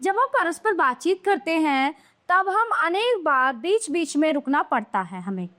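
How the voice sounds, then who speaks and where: A woman's voice: high-pitched, sing-song, measured pace, sharp tone. A woman teaching a grammar lesson to young children, explaining patiently and answering her own questions.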